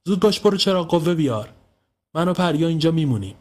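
A man doing a loud, bossy, rude boy. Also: on the high side, expressive, voice pushed up, close to an everyday voice. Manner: loud, scornful, bossing others. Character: bossy, rude boy who acts as group leader.

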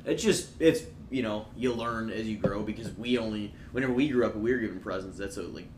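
A man's voice: on the low side, a little fast. A man hosting a podcast in casual, laid-back chat that rambles a little. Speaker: podcast host. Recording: echoey room, faint background noise.

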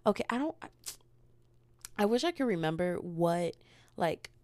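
On her solo podcast, a young American host rambles along with self-deprecating jokes and giggles. She has a lowish, slightly mellow voice with big pitch swings and a moderate pace, recorded with no room sound.

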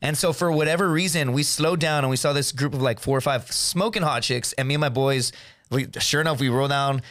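A man in his thirties, a comedian guest on a podcast, telling stories in casual chat, animated and swearing, saying dude a lot. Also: medium pitch, fairly quick, no echo, studio quality. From United States.

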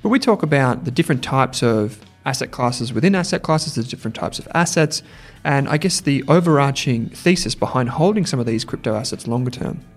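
A man's voice: mid-range voice, animated, fairly quick, soft background music. A man hosting an investing podcast interview, talking in a casual, chatty way with restarts. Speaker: podcast host.

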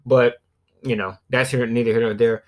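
A man's voice: medium pitch, flat delivery, normal speed. A man from southern Alabama with a Southern US accent, hosting a podcast solo in a rambling, conversational, profanity-sprinkled way. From southern Alabama, United States. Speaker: podcast host. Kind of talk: casual solo podcast commentary.

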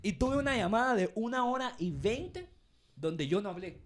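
A man's voice: high voice, moderate pace. A young man, a podcast co-host telling call-center stories in casual chat, laughing often and acting out callers. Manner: animated, laughing, acts out callers in loud put-on voices.

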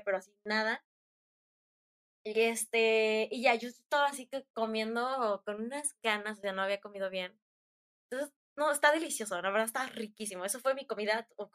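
A woman's voice: a little high, a bit bright. A young woman with a Mexican Spanish accent, chatting casually and rambling through a story with slangy fillers.

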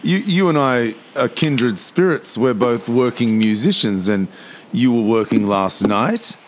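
A male podcast host with a mid-pitched voice that swings widely up and down. He interviews a guest and signs off with enthusiastic thanks and reminders. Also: animated, unhurried, slight background noise.

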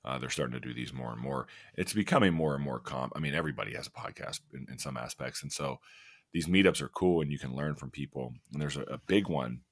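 Very deep-voiced male podcast host. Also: fast, husky, dry recording, clean studio sound. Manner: rambling, self-interrupting, laughs at himself. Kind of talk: casual podcast chat.

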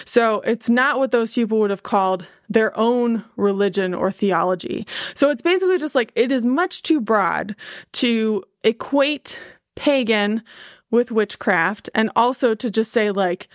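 Speaking a little slowly in a fairly high, expressive voice, this Midwestern-accented woman hosts a laid-back podcast conversation. Her talk is peppered with "like" and frequent laughter, captured in a dry, clean studio recording.

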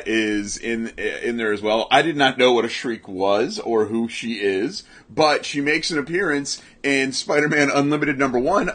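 A man's voice: medium pitch, a bit bright. A young adult man hosting a podcast in casual comedic chat, rambling and self-mocking. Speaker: podcast host.

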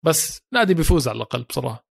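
Racing along in a high-leaning, gravelly, slightly rough voice with big pitch swings, a Levantine Arabic-accented man co-hosts a football podcast. His casual, colloquial storytelling leans on repeated phrases for emphasis.

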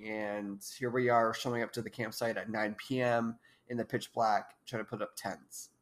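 The podcast co-host, a woman in her twenties, has a bass voice with a steady tone and moderate pace. Congested from allergies, she rambles through casual conversation and giggles a lot.

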